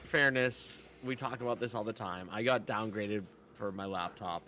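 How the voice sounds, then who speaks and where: Low-voiced man in his thirties, reassuring. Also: moderate pace, background noise. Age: 30s. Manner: reassuring, repetitive. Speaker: podcast co-host. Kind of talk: casual chat.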